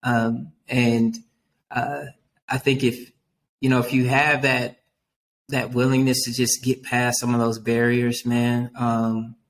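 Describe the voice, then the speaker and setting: A man as a youth worker guest on a podcast, talking in an earnest, animated way and often dropping "man" into his sentences. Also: medium pitch, slow, a little hiss or hum, poor audio. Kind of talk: casual podcast interview.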